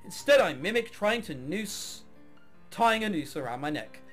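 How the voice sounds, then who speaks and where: A male let's player reads a visual novel aloud, switching between dramatic narration and casual, offhand commentary. His voice sits high and sing-song, with a fairly bright tone and a measured pace, while faint music plays behind him.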